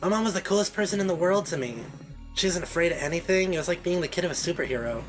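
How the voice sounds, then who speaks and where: A man's voice: high-pitched, very fast, music in the background, voice pushed up, natural voice, rough recording. A man reading game dialogue as an earnest, self-doubting young animal girl who dreams of adventure. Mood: wistful, admiring.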